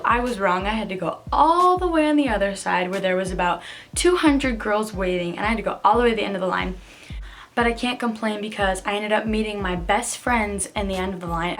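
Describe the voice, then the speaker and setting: A woman rambles through a casual storytime vlog, piling up fillers as she goes. Her voice sits at an ordinary middle pitch and leaps up excitedly whenever she acts out what friends said. Faint music plays underneath. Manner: chatty, filler-heavy telling with many "like"s; excitable, jumps high when quoting voices. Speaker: vlogger.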